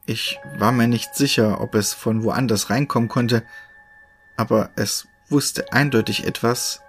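A man reading a first-person horror story in a measured, steady storytelling voice. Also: mid-range voice. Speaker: narrator. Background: faint music.

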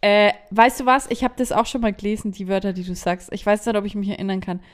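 A woman's voice: mid-range voice, level tone, fast. A woman with a mid-range voice, chatting casually as a podcast co-host. She muses aloud and searches for words, with easy laughs. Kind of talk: casual chat.

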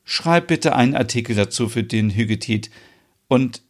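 During a story reading, a man lightly acts out a flustered, excitable woman who runs the kitchen as its boss and owner. He keeps a moderate pace while sounding shrill, fussy and dramatic.

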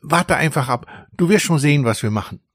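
A man voicing a sly male mouse leader in a children's audiobook, speaking in a hushed, conspiratorial tone. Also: on the high side, lively intonation, brisk, husky, no room sound, clean studio sound. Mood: hushed scheming.

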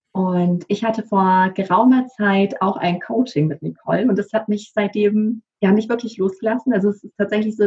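A woman hosting an interview, introducing her guest warmly and effusively. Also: mid-range voice, husky, dull audio. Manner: warm, effusive, grateful. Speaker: interview host.

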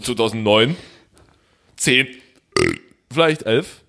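A man's voice: medium pitch, slow pace, sharp tone. A young man telling an embarrassing story in casual podcast chat, rambling and self-mocking, often breaking into laughter.

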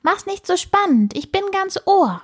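A woman's voice: very high-pitched, very animated, a little slow, voice pushed up, full character voice. A woman voicing a curious, brave young woman in a storybook, eager and a little startled. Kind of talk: storybook narration.

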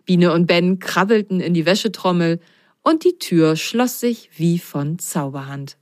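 A woman reading a children's story aloud in a slow, expressive storyteller manner. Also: on the low side, no echo, studio quality.

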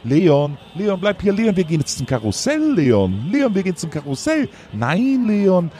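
A man's voice: sits high, huge pitch swings, normal speed, warm tone. A young man in a comedy sketch, talking in a harried, scolding, exasperated way.

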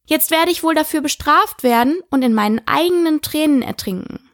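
A woman's voice: sits high, expressive, normal speed, fairly bright tone, no room sound, clean studio sound, voice pushed up. A woman voicing a polite, curious young girl who chatters eagerly and apologizes often.

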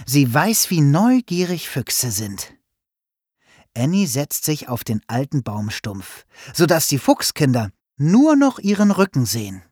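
Slow, expressive male storyteller. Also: on the high side, husky, no room sound, clean studio sound. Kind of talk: children's story narration.

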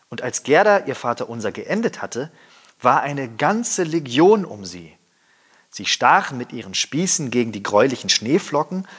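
A man reading a fairy tale aloud with expressive storytelling. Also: medium pitch, slightly rough. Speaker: reader.

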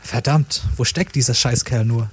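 A man's voice: mid-range voice, normal speed, husky, close to an everyday voice. A man reading a storybook voices a foul-mouthed, irritable female daisy flower who craves her fix.

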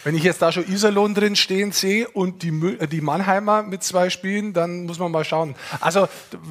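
A man in casual podcast chat, with a husky voice. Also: high voice, steady tone, normal speed, fairly bright tone. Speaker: podcast guest.

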